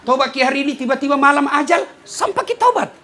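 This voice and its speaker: A man's voice: very high-pitched, expressive, fast talker, noisy background. A middle-aged man preaching a humorous sermon in an Indonesian Makassar accent, chuckling often and speaking straight to his listeners. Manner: joking, chuckling, addresses the audience directly. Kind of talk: humorous sermon to a live audience.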